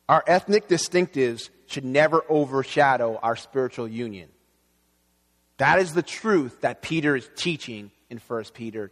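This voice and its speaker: A man born in Haiti, preaching an earnest, measured sermon as pastor. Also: mid-range voice. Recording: long reverb in a hall.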